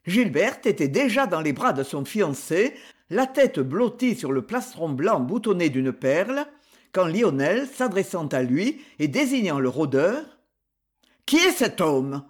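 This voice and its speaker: Brief: dramatic reader of a classic novel, animated delivery. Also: mid-range voice, unhurried, breathy edge. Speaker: audiobook reader. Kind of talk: scripted narration of a classic novel.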